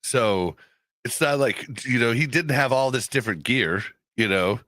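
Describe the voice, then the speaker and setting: A man's voice: medium pitch, unhurried, fairly bright tone, no room sound. A man co-hosting a casual sports podcast, talking with a slight lisp from a retainer in a laid-back, rambling way. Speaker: podcast co-host.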